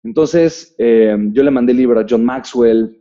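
A Mexican man, an author, telling his story in a casual interview, animated and full of "eh" and "pues" fillers. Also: medium pitch, moderate pace. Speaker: guest, author and entrepreneur. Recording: muffled dull recording.

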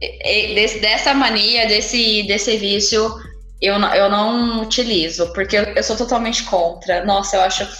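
A woman's voice: medium pitch, fairly even intonation, moderate pace, sharp tone, roomy sound, faint music behind, rough recording. A woman co-hosting a casual podcast, chatty and exasperated, often laughing as she talks. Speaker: podcast co-host.

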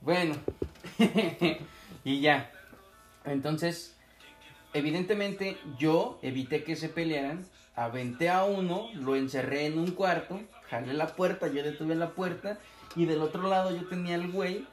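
The speaker is a young male podcast co-host with a Mexican Spanish accent and a fairly high voice that moves a little slow. He tells a story in casual, joking conversation laced with profanity, and the echoey room carries faint music.

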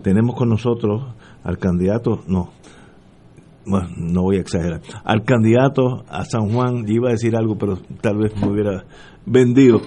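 A man's voice: fairly low pitch, steady tone, moderate pace, dark tone, slight background noise. An older man with a Puerto Rican accent hosting a talk show interview, rambling and joking as he talks. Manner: joking, rambling, laughs often. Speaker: radio talk show host.

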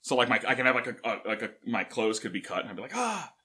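A man's voice: on the low side, very fast, pushed and bright, husky. A young man playing a tabletop game, eagerly arguing the rules and tripping over his own restarts. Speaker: player.

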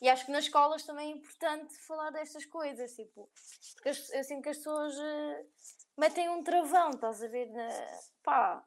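A woman's voice: high voice, moderate pace. A young woman with a European Portuguese accent, co-hosting a podcast in casual, filler-heavy chat. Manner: chatty, laughs often, filler-heavy. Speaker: podcast co-host.

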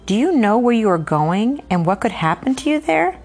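A woman's voice: fairly high pitch, very animated, normal speed, a little mellow, husky, faint music behind, pitched above the performer's own voice, exaggerated voice. A woman voicing a distressed, superstitious old landlady who urgently pleads with a traveler in a read-aloud story. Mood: pleading. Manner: urgent, imploring.

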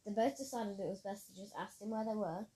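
A woman's voice: medium pitch, steady tone, fast talker, dark tone, poor audio. A woman reading her own story aloud in a plain storytelling manner, with occasional slips. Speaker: narrator.

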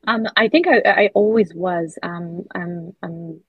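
A woman from Somalia, whose first language is Somali, answering interview questions earnestly and measuredly with soft fillers. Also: lowish voice, measured pace, slightly rough, no room sound, muffled recording. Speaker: children's book author, guest.

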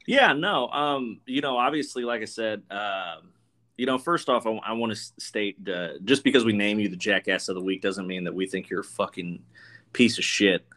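A man's voice: lowish voice, normal speed, fairly bright tone. A man hosting a podcast in casual chat, talking informally with plenty of swearing and banter. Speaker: podcast host.

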